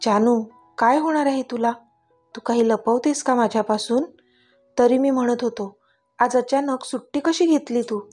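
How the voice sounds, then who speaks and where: A woman's voice: fairly high pitch, a little mellow, soft background music, natural voice. Woman voicing a worried caring young husband. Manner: worried, hurried.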